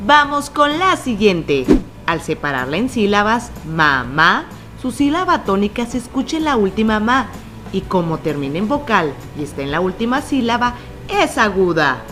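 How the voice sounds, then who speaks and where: Woman teacher, lively pitch, scripted kids' lesson, stretches example words. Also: moderate pace, faint music behind.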